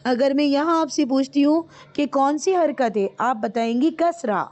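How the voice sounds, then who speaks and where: High-pitched lady teacher in an online class, patient, repeats stuff and asks questions, muffled lo-fi audio. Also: a little mellow. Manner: patient, repeats points and quizzes students. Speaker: Quran reading teacher. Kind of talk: online live class teaching Arabic vowel marks.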